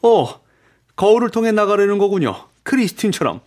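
A man voicing an agitated, impatient young nobleman in an audiobook drama, speaking urgently and excitedly. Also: on the high side, normal speed, pitched above the performer's own voice, close to an everyday voice. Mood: bewildered.

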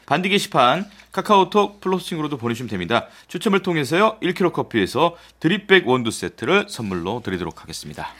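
A man's voice: fairly high pitch, big pitch swings, quick pace, hardly any pauses, a bit bright. A man in his thirties hosting a radio show, chatting affably and reading out listener messages. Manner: affable, reads listener texts aloud. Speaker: radio host. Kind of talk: radio chat.

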